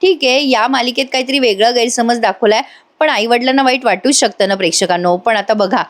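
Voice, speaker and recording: A woman narrating a voice-over recap of a TV serial episode, telling the story lively and speaking directly to viewers. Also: fairly high pitch, a little fast.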